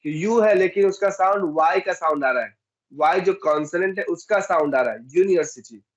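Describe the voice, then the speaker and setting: A man from India teaching an English lesson, who repeats example words slowly and asks and then answers his own questions. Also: high voice, muffled recording. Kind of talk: classroom lesson.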